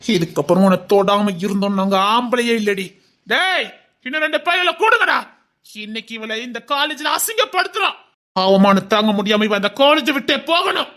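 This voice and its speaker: A woman playing loud jeering college thugs. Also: a little high, animated, moderate pace. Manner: jeering, barking orders, loud. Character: bullying male college thugs. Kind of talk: Tamil audio drama acting.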